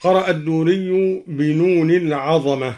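A man giving a formal radio lesson on Quran reading, explaining points in a measured way and slowing into melodic chanting for each example. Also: on the high side, a little mellow. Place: radio broadcast studio.

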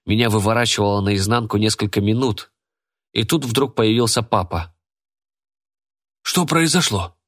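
A man reading a first-person story aloud as an audiobook narrator, in an even, measured way. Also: on the low side.

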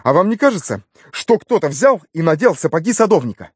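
A man voicing an eager, excitable young man in an audiobook, pushy and breathless. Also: fairly high pitch, fairly quick, husky, no room sound, studio quality, voice pushed up.

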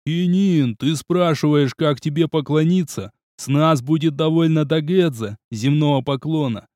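A man voicing an arrogant young male bully with a hoarse, mocking voice. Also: fairly high pitch, measured pace, no echo, clean studio sound, natural voice. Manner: loud, mocking.

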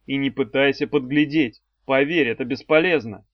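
A man's voice: mid-range voice, moderate pace, dry recording, close to an everyday voice. A man voicing a stern, sardonic demon swordsman mentor who gives commands and mocks with dry threats, in a dry, slightly dull recording. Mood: commanding.

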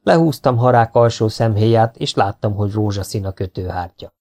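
A man reading a story aloud as an audiobook narrator, with a steady, even storytelling delivery. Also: on the low side. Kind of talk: scripted narration.

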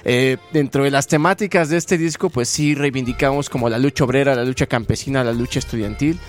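A man, a rap musician guest talking casually in slangy, relaxed speech. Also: mid-range voice, fairly quick, faint music behind. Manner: relaxed, slangy, many fillers. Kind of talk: casual interview chat.

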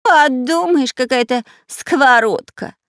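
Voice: mid-range voice, big pitch swings, normal speed, no echo, clean studio sound, voice pushed up. A narrator voicing a sly, long-nosed male spy in a storybook reading, talking in a whiny, dismissive way. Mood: grumbling.

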